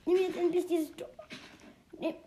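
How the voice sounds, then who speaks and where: High pitched girl rambling through her game, lots of excited yelps, slight background hiss. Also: moderate pace. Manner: excitable, chatty, keeps exclaiming. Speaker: game player. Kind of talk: casual gameplay commentary.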